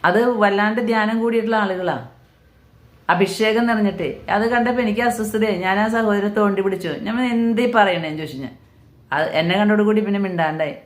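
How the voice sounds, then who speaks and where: A woman's voice: mid-range voice, fast. Earnest woman preaching, echoey room. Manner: earnest, repeats phrases for emphasis. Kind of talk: sermon.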